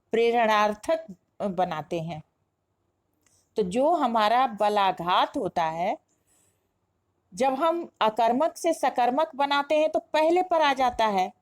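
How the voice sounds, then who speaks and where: A woman teaching a grammar lesson, explaining step by step and asking herself questions before answering them. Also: on the high side. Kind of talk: classroom-style lesson explanation.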